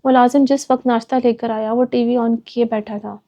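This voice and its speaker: Woman reading a novel, flat steady. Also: on the high side, dull audio. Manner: even, steady narration. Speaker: storyteller.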